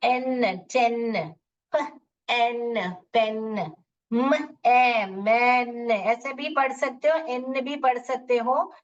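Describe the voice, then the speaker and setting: A woman teacher leads children through phonics in an online class, drawing out each letter sound very slowly. Her voice sits a little high. It comes through dull and from some distance off the mic, as in a lo-fi class stream. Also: fairly even intonation. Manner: mixes Hindi explanations with English words.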